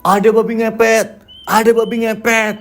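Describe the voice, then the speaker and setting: A man voicing a villager on a motorbike who shouts an alarm from a distance. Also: high voice, monotone, moderate pace, pitched above the performer's own voice, close to an everyday voice.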